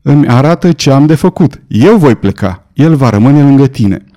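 A man's voice: medium pitch, lively intonation, mellow, natural voice. A man reading an audiobook, voicing a stubborn nobleman who speaks in urgent, insistent exclamations. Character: noble lord, anxious and stubborn, self-sacrificing. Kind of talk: audiobook character voice.

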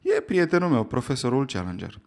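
A man voicing an energetic, irritable male lecturer who speaks in a raised, declaiming tone to a hall. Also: medium pitch. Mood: mocking.

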